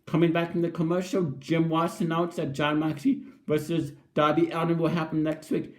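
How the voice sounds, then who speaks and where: A man's voice: on the high side, a little mellow. A man giving a casual spoken review of a wrestling show as an enthusiastic fan, often repeating and restarting his phrases.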